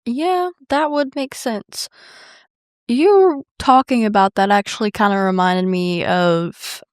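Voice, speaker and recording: A woman's voice: medium pitch, slow, no echo. A woman co-hosting a podcast, giving brief reactions and dry asides. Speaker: podcast co-host. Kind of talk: casual podcast chat.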